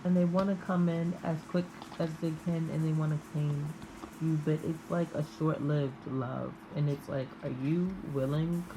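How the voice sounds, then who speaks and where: A woman giving an improvised, intimate tarot reading in a halting, musing manner with drawn-out pauses. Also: deep voice, steady tone, noisy background. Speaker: tarot reader.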